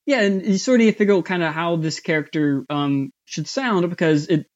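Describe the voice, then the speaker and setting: A man chatting as an interview guest, his voice sitting a bit high and his speech halting, full of fillers and restarts. The recording sounds dull and lo-fi. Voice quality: somewhat high voice. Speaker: voice actor guest. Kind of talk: casual interview chat.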